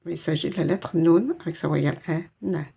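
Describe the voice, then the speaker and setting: A woman's voice: low voice, fairly quick, creaky, warm tone, slightly rough. A woman teaching a step-by-step Arabic reading lesson in French, patient and explaining each letter and sound.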